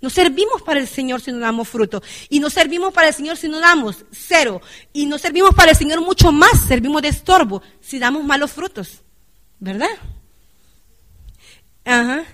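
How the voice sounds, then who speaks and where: A woman's voice: high voice, lively intonation, moderate pace, fairly bright tone. A woman preaching a church sermon who keeps checking in with the congregation with "right?" and calls them brother and sister. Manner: addresses listeners as brother and sister. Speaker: lay preacher.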